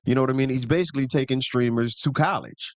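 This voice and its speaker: A man's voice: mid-range voice, fast talker, no room sound. A man co-hosting a podcast in casual chat, laid-back and loose with slang, stopping to correct himself. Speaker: podcast co-host.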